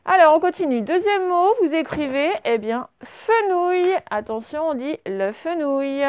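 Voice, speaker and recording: Woman teacher, high voice, patient, slow letter-by-letter dictation to young pupils. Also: expressive, darkish tone, a little hiss or hum. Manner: slow, spells out words letter by letter; patient and encouraging. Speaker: primary school teacher. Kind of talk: dictation lesson for young children.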